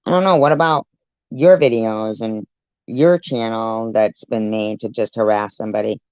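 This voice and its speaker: A commentator with a deep pitch-shifted voice, reacting to a clip with blunt, profane sarcasm. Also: fairly even intonation, normal speed, darkish tone, smooth, dry recording, highs cut off. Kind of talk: ranting commentary.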